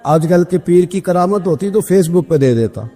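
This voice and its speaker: A man with a fairly high voice delivers a sermon as a dramatic story. He tells it with rising emotional peaks. His voice rings with a long hall reverb over soft background music. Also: expressive. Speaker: preacher.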